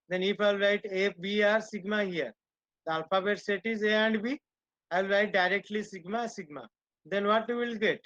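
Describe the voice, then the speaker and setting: Male online lecturer. Slow, deliberate and stern with his class, on dull lo-fi call audio. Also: high voice, fairly bright tone, dry recording. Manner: slow and deliberate, switching between Hindi and English, scolding the students. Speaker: teacher.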